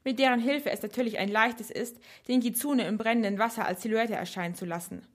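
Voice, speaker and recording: A woman voicing a calm, clever young man who lays out his reasoning step by step. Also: fairly high pitch, brisk, natural voice. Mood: accusing.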